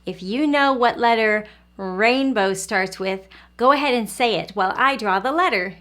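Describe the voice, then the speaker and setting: A woman with a fairly high, fairly bright voice leads an early learning lesson and storybook read-aloud for small children. She uses simple, encouraging phrases and asks questions, pausing so young viewers can answer.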